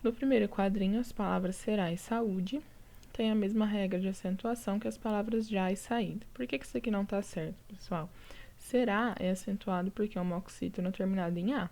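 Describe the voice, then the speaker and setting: A woman's voice: mid-range voice, steady tone, brisk, gravelly, darkish tone. A woman teacher with a Brazilian Portuguese accent, patiently going over exercises in a recorded lesson and checking in with her students often. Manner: patient, explaining step by step with frequent "tá?" checks.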